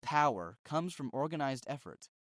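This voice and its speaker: Guy reading a self help audiobook, emphatic, pitch moves around a lot, dry sound. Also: sing-song, normal speed, no room sound. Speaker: audiobook narrator. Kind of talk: scripted narration.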